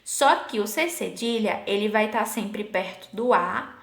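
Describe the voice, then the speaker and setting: A woman teaching a Portuguese lesson, patiently asking her students questions and slowing down to sound out example words. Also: mid-range voice, gravelly. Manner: patient, asks the class questions, slows to spell out sample words. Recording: echoey room.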